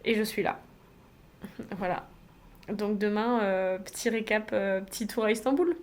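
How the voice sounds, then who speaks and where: A woman's voice: mid-range voice, steady tone, measured pace. A young woman from France chatting in a casual travel vlog, slangy and upbeat, filmed on a handheld phone in a hotel room. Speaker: travel vlogger.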